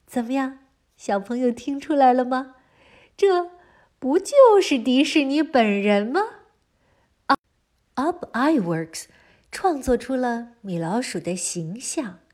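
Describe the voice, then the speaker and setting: A woman narrating a story for young children in an animated, explaining manner, often putting questions to the listeners. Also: high-pitched, takes it slowly, pauses often. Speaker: storyteller of a children's history podcast.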